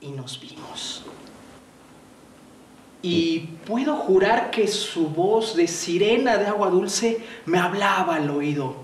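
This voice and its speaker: A man from Mexico's southern coast with a Mexican accent, telling a story to young people with playful, dramatic pitch swings and slowdowns. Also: expressive. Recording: roomy, distant mic, faint noise.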